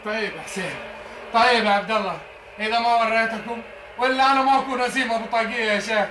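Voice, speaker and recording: Whiny, vengeful young guy, very high and quick; echoey noisy old TV sound. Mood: complaining. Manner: shouts, threatens, whiny. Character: hot-headed young man, easily soaked, vengeful.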